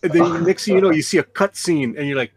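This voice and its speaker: A man's voice: a little high, fast, darkish tone. A man chatting and teasing on a live stream, laughing at his own jokes. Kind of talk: casual live-stream chat.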